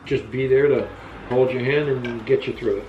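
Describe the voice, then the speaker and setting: A man's voice: mid-range voice, steady tone, highs cut off, a little hiss or hum. Man in his sixties, distant in an echoey room. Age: 60s. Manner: earnest, halting, with frequent restarts. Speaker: father answering questions. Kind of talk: casual sit-down Q&A.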